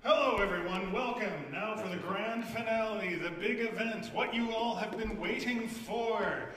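A man's voice: high-pitched, a little slow, a bit bright. A man with a Canadian accent hosting a live startup competition, upbeat and loose, stumbling over names. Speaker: event host. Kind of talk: live event emceeing. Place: large event hall. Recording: echoey hall, speaker far off, faint noise.

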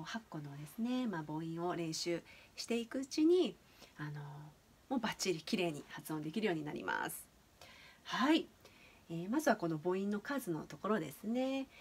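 A woman's voice: mid-range voice, husky. A woman teaching English pronunciation in a casual video lesson, chatty and explaining step by step with many fillers.

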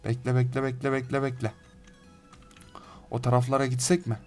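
A young man commenting on his Minecraft game, excitable, shouting threats at mobs and repeating phrases over and over. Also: mid-range voice, brisk, faint music behind. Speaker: gaming YouTuber. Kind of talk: Minecraft let's play commentary.

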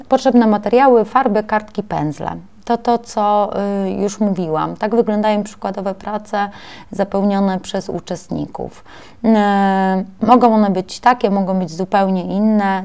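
A woman presenting a webinar lecture to preschool teachers, often pausing with filler sounds as she explains her slides. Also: medium pitch, darkish tone, clear, resonant tone.

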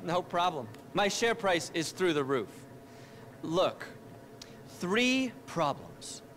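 An actor playing an arrogant, manic middle-aged tech billionaire in a video game, pompous, as if giving a keynote speech. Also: male voice, sits high, sing-song, takes it slowly, fairly bright tone, heavily acted. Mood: brisk, pompous. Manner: pompous, self-important, keynote-speech delivery.

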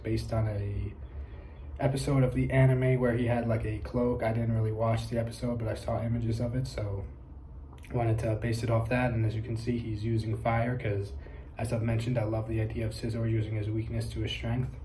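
Casual young male vlogger, mellow flat voice, echoey room, upbeat ramble. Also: mid-range voice. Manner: upbeat, chatty, a bit rambling. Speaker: vlogger showing his drawings. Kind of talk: casual chat. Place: indoor room with brick wall. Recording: echoey room, faint noise.

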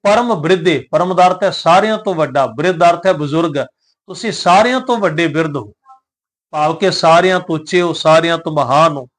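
A man teaching scripture, who chants verses slowly and deliberately and then explains them word by word in a reverent, polite manner. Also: a little high, fairly bright tone. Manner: devout and reverent, addresses listeners politely.

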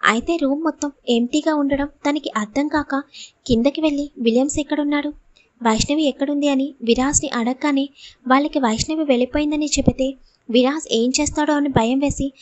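Female audiobook narrator, high voice, emotional dramatic delivery. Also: steady tone, brisk. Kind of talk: serialized audiobook storytelling.

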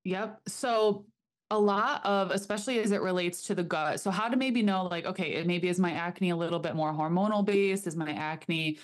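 Interview guest, young woman chiropractor, earnest explainer, lower voice, remote desk mic. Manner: earnest, explanatory, speaks fast in runs. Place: home room. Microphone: desk studio mic, remote call.

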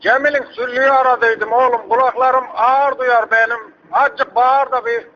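On a dull, lo-fi prank call recording, a man puts on an extremely high, bright, forceful voice at normal speed with a steady tone. He plays a hard-of-hearing old village uncle who rambles, repeats himself, insists, and keeps asking people to speak up.

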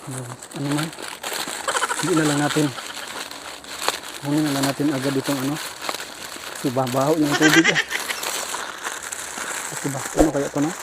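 A man's voice: a little high, little pitch movement, moderate pace, pauses often, heavy background noise. A Filipino man talking to his viewers while he digs through trash bins outdoors in the heat, out of breath and sweaty. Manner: chatty, addresses viewers often. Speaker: vlogger. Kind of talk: casual vlog narration while dumpster diving. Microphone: self-filmed camera.

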